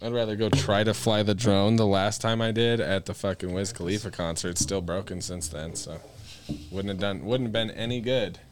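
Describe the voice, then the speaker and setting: A man's voice: fairly low pitch, steady tone, normal speed. A man co-hosting a casual podcast, joking and talking in loose, profane slang. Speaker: podcast co-host.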